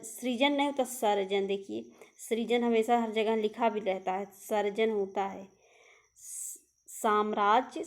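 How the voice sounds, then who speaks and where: A young woman teaching an exam-prep spelling lesson, going through words one by one and asking rhetorical questions. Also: on the high side. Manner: drills word by word, asks rhetorical questions. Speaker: Hindi teacher.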